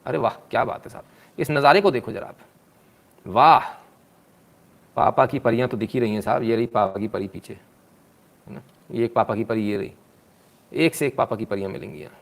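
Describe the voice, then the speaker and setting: A man's voice: medium pitch, brisk, gravelly, long pauses. A man, giving sarcastic live news commentary, mocking and scolding the people in the clips and answering viewer comments.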